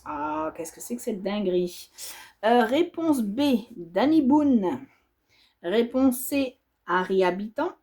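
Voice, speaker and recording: An embroidery vlogger stitches as she talks through a casual quiz, reading the options aloud and musing over them with hesitations. Her mid-range voice is very animated and warm, and she speaks at a slow pace.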